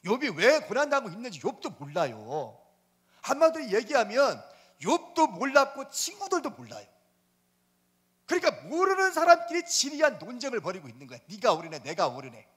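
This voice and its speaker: A man preaches in a high voice that swoops up and down with great animation, dramatic and emphatic as he acts out scripture and calls to the congregation. His voice is husky, and a long reverb trails behind it in the church hall. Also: huge pitch swings, moderate pace, a bit bright. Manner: dramatic, voices God and Job in turn, addresses the congregation as 여러분. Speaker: pastor. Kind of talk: sermon. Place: church sanctuary.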